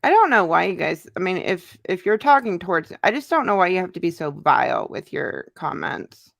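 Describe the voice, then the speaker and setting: Her fairly low, gravelly voice swings widely in pitch at a moderate pace as this American YouTuber hosts a casual livestream. She responds to viewer comments in loose, conversational fragments, recorded at studio quality with no room sound.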